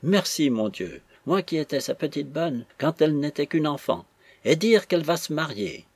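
A man's voice: a little high, very animated, normal speed, a little mellow, slightly rough, no echo, pitched above the performer's own voice, heavily acted. A man doing a gushing young maid. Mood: overjoyed. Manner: breathless torrent of words, sobbing with joy. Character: gushing young female maid, emotional and talkative.

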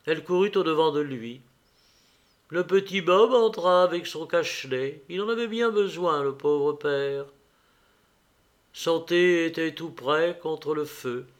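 A man narrating a classic story as an audiobook in a measured, expressive way. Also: on the high side.

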